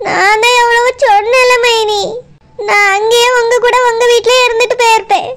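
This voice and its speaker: A woman's voice: very high voice, little pitch movement, moderate pace, a bit bright. A woman voicing a young village wife who is crying, with a Tirunelveli Tamil accent. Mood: tearful.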